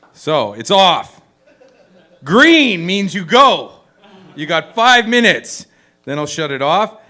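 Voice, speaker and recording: A man emceeing a small live comedy night in a loose, chatty way. His voice sits high and bounces around a lot, and he takes his time between lines. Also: sharp tone. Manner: loose, chatty, explaining rules to the crowd. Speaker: open mic host.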